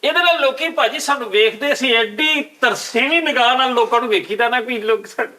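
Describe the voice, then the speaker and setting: A man's voice: very high voice, fairly quick, bright, forceful tone. A man with a Punjabi accent in a comedy interview, cheekily boasting about faking poverty. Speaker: guest playing a fake beggar.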